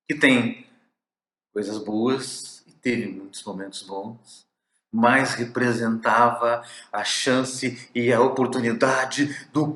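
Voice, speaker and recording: A man with a Brazilian Portuguese accent giving a spiritist lecture, slow and emphatic, with dramatic pauses and soft drops. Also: mid-range voice, reverberant.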